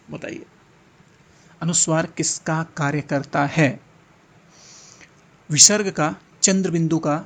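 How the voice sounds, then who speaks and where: A man's voice: a little high, husky. A man teaching an exam-prep lesson, thinking aloud, repeating sounds and answer options and urging students to answer. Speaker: Hindi exam tutor.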